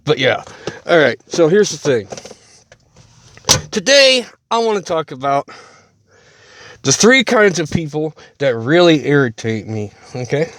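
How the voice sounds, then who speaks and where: A man's voice: fairly high pitch, big pitch swings, a little slow, long pauses, fairly bright tone, dry recording. A man venting in a casual vlog from inside a parked car, rambling and often repeating words mid-sentence, talking around a cigarette in his mouth. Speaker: YouTuber.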